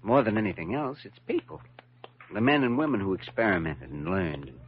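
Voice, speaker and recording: Earnest, low-voiced young doctor. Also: male voice, very animated, a little fast. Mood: deliberately offhand. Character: thoughtful, persuasive young male hospital doctor. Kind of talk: classic radio drama acting. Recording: muffled, noisy old radio recording.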